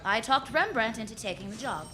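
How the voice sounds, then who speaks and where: A woman acts in the style of 1940s radio drama, narrating in first person as a wry, flirtatious, self-assured private eye full of slangy quips, with a teasing mood. Her voice is a little high and close to everyday speech, with lively intonation and a slightly fast pace.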